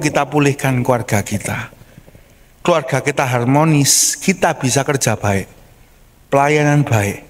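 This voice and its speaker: Pastor preaching in a reverberant church hall. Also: male voice, medium pitch. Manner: lively storytelling, acts out voices of parents and children. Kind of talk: sermon with acted-out quotes.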